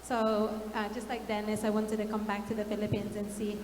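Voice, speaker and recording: A woman's voice: medium pitch, monotone, a little fast, darkish tone, a little hiss or hum. A woman startup founder from the United Kingdom, sharing a personal story on a conference panel. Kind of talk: panel talk. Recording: echoey, reverberant event hall.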